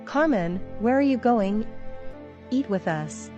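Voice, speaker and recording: A caring, principled daughter in a drama. Her voice is fairly high and earnest, with music clearly playing behind her. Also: expressive, slow, darkish tone, muffled recording. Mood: concerned. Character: caring, indignant daughter standing up for the housekeeper. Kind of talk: scripted drama dialogue.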